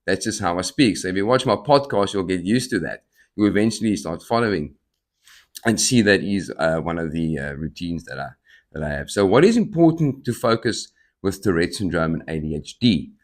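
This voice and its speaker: A man's voice: low voice, expressive, normal speed. A man in his thirties hosting a podcast, telling personal stories, jumping from one topic to another and acting out quoted conversations, with tics breaking into his speech now and then. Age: 30s. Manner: jumps between topics, acts out quoted dialogue; tics and sudden outbursts mid-speech. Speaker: podcast host. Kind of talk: personal storytelling monologue.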